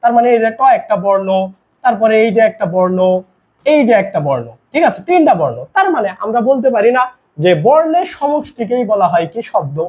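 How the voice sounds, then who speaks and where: Lively teacher quizzing students. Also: mid-range voice, brisk. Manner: asks quiz questions and answers them; casual, mixes in English words. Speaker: grammar teacher. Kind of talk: live online class lecture.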